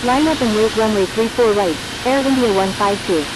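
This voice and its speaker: Woman acting as simulator airline pilot, game radio traffic, businesslike clipped headset delivery, raised pitch, clear hiss. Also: normal speed, close to an everyday voice. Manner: formal, procedural, like cockpit headset calls. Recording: clear hiss and ambient rumble.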